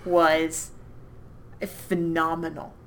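Lowish-voiced woman co-hosting a podcast, chatty and keen, bit of hiss behind. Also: monotone, a bit bright. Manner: chatty, enthusiastic, quick asides. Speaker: podcast co-host. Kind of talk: casual chat.

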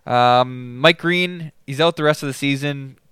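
A man's voice: mid-range voice, a little slow, fairly bright tone, clean tone, no room sound, studio quality. A man co-hosting a casual fantasy hockey talk, giving player updates in a matter-of-fact way. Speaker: fantasy hockey podcast co-host. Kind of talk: casual chat.

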